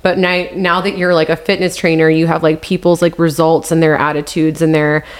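A woman with a fairly low voice hosting a casual podcast. She teases her guest playfully and keeps the back-and-forth light. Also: little pitch movement, a little fast. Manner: playful, teasing banter. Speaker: podcast host.

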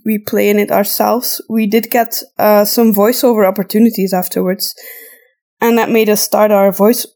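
A woman co-hosts a casual podcast, a native Flemish Dutch speaker whose mixed European accent lands between British and American. Her medium-pitched voice has a darkish tone, and she thinks aloud in conversation, repeating words as she goes.

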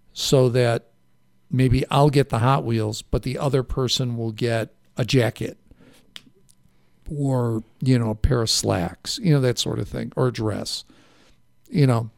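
A man's voice: mid-range voice, vocal fry, darkish tone, dry recording, studio quality. A man hosting a local radio interview show, talking in a rambling way and often correcting himself. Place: radio studio. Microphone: studio microphone.

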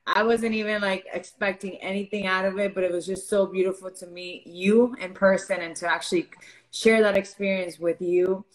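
A young Venezuelan woman, a fitness coach appearing as a podcast guest, chats casually in an interview, speaking openly and earnestly with plenty of fillers. Her mid-range voice keeps a fairly even intonation at a moderate pace, and the recording is rough.

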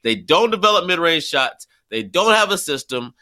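A man's voice: a little high, big pitch swings, moderate pace, sharp tone. A man co-hosting a sports talk show, lecturing and dismissive as he argues his point. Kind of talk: heated sports debate.

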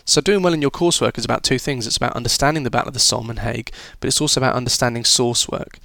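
A man's voice: mid-range voice, fairly even intonation, very fast, creaky, pushed and bright, no echo. A man talking students through a history lesson in a chatty, informal way, with fillers and restarts. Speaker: history teacher.

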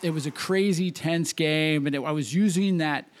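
A man's voice: on the high side, normal speed, a little hiss or hum. A man hosting a casual podcast, talkative, leading the conversation and telling anecdotes. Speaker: podcast host.

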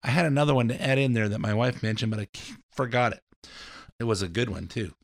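In a dry, studio-quality recording, a middle-aged radio host talks fast at medium pitch with vocal fry and a slightly scratchy voice. He delivers a casual political monologue, rambling folksily with fillers and restarts, in between ads for his mortgage business.

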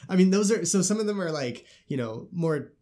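A man's voice: high voice, lively intonation, moderate pace, mellow. A male podcast co-host chatting casually with a congested, stuffy-nosed voice, breathing through his mouth as he recovers from a sinus illness. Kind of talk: casual chat.

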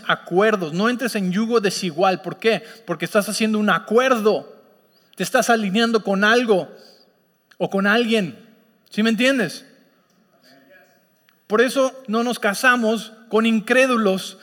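High-voiced pastor preaching in a reverberant church. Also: male voice, fairly bright tone. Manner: teaching, checks in with listeners often. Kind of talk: sermon. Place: church sanctuary.

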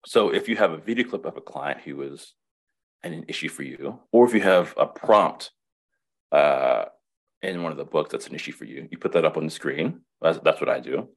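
A man's voice: a bass voice, moderate pace, creaky. A man talking as a counselor in a casual webinar conversation, thoughtful and full of restarts. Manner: reflective, many restarts and repetitions. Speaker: counselor and guest.

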